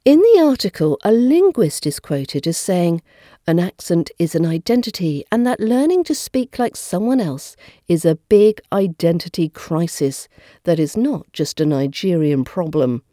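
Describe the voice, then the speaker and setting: A woman, a coach giving a scripted, clear and measured lesson. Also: on the low side, very animated, dark tone, no room sound, studio quality. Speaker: accent coach. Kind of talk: scripted teaching narration.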